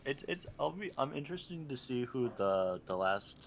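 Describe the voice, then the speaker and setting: A man's voice: medium pitch, big pitch swings, moderate pace, gravelly, a little hiss or hum. Rambling casual man on a podcast. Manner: rambling, hesitant explaining with many fillers. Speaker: podcast co-host. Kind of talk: casual chat.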